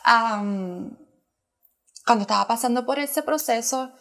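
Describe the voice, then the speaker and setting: A woman's voice: a little high, slow, a bit bright. A woman sharing a personal testimony as a church planter in conversation, earnest and emotional, often restarting her sentences.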